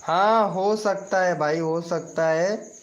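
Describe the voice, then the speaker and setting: A man's voice: high voice, fairly even intonation, slow pace. A man hosting a casual live stream, chatting and teasing with his viewers.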